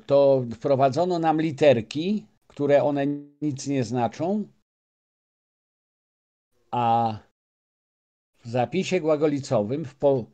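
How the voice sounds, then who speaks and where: A man's voice: medium pitch, slow pace, long pauses, dark tone, dull audio. A man, speaking as a guest and lecturing an audience, with frequent restarts and filler sounds. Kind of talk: lecture-style talk to an audience.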